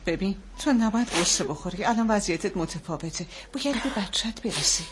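An actress playing a calm, caring nurse in a hospital drama, comforting a colleague. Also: female voice, mid-range voice, a little hiss or hum, natural voice. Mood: soothing. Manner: soothing, firm. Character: female nurse, caring and steady. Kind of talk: TV drama acting.

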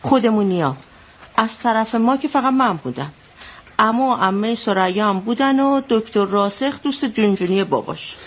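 Somewhat high and animated, an actress voices a worried mother telling the story of a bloody wedding in a radio drama. She narrates vividly, yelling the quoted words she relays.

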